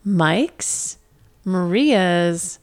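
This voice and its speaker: A woman co-hosting a casual podcast, playful and quick to laugh. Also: fairly low pitch, animated. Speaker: podcast co-host. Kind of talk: casual chat. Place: Somerville, Massachusetts.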